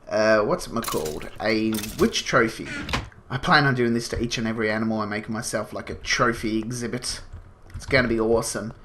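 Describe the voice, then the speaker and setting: Bright and forceful, a medium-pitched male voice carries a gaming channel host's casual, rambling commentary as he plays. He has a slight cold and sniffles, explains things as he goes, and uses plenty of fillers. A little hiss or hum sits under the recording.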